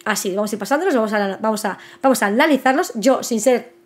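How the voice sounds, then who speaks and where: A young woman hosts a casual live stream in a slightly high voice. She talks excitedly and restarts her sentences often, repeating words as her thoughts race ahead. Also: fast talker. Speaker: host of a live book news stream.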